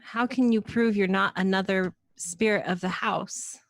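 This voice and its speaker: A woman's voice: medium pitch, fairly even intonation, unhurried, creaky, dry recording. A woman voicing a frightened young woman lost in a haunted mansion, speaking through tears. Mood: suspicious. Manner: shaken, tearful.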